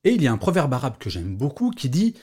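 A middle-aged man hosts a solo podcast, explaining his points casually with asides. His voice is husky and dark, and his pitch moves around a lot as he talks. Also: wildly swooping pitch, fast talker. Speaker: podcast host. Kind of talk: solo podcast talk on work life.

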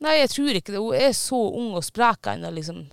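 A man telling a story in casual chat, animated, swearing now and then and pausing often on fillers. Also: sits high, creaky, clear, resonant tone, no echo, studio quality.

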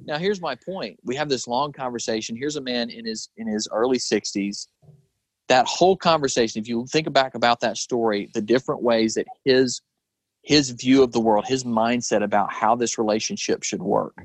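A man's voice: mid-range voice, moderate pace, no room sound, low-quality recording. A man who is a guest and leadership speaker with a preacher's background, talking earnestly in conversational storytelling with rhetorical questions.

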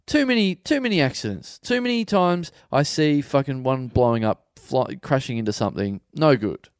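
A man's voice: mid-range voice, moderate pace, no room sound. Man, casual podcast co-host, swears freely, laughs easily, dry studio sound. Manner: animated, swearing, laughing often. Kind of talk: casual banter.

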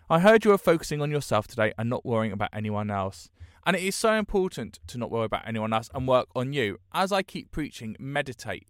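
A man's voice: mid-range voice, no room sound, clean studio sound. A British man hosting a podcast, speaking in an earnest, encouraging self-help manner. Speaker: podcast host. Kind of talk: podcast monologue introduction.

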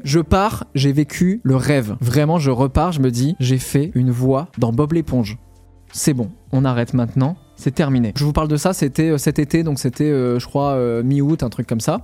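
A young man, a video creator, telling stories in a casual interview, animated and slangy, often breaking into laughter. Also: mid-range voice, no room sound. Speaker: YouTuber being interviewed.

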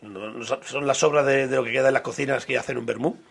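A man's voice: medium pitch, fairly even intonation, fast talker, creaky, a bit bright, husky. A man co-hosting a casual podcast over beers, telling funny stories full of swearing and jokes. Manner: storytelling, swearing and joking. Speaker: podcast co-host.

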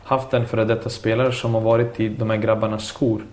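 A man in his forties, a former footballer turned youth coach, telling stories in a casual interview with frequent restarts. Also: lowish voice. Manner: talkative, animated storytelling with frequent restarts.

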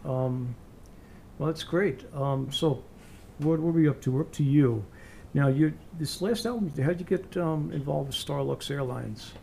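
Gravelly New York man, rambling interviewer. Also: on the high side, measured pace, a little mellow, slight background noise. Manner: rambling, many fillers and restarts. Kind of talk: casual interview chat.

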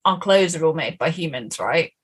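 A woman's voice: low voice, lively intonation, moderate pace, breathy edge. A woman co-hosting a podcast, chatting in a rambling way with lots of fillers and laughs mid-sentence. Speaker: podcast co-host. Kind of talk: casual chat.

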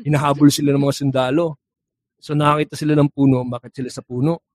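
A man's voice: fairly high pitch, little pitch movement, fast, no echo. A young man animatedly telling a joke story, acting out characters with sound effects and laughing at his own punchlines. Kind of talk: casual storytelling.

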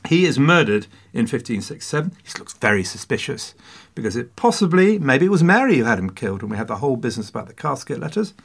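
A man's voice: mid-range voice, big pitch swings, fast talker, vocal fry, a bit bright, husky. An English man hosting a casual history podcast, full of jokey asides and mock French phrases. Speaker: podcast host.

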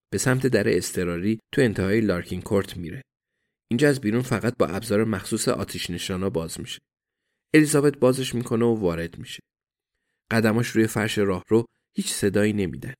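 A man narrating an audiobook in a steady, even storytelling manner. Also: on the low side.

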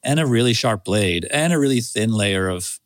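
A man's voice: on the low side, animated, normal speed, dry recording. A man in his fifties, a company head as podcast guest, talking in a chatty, self-deprecating way and often repeating himself. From Armenian. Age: 50s. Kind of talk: casual podcast interview.

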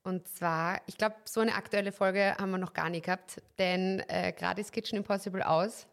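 Woman, podcast host, friendly, chatty, long rambling questions, middle pitch. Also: fairly even intonation, a little fast, gravelly. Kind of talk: interview podcast.

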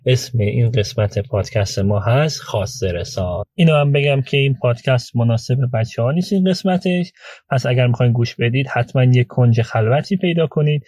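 A man hosting a storytelling podcast about legal cases, talking chattily with frequent hesitations, his voice hoarse from a cold. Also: medium pitch, warm tone, no room sound. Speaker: podcast host and lawyer recounting client cases.

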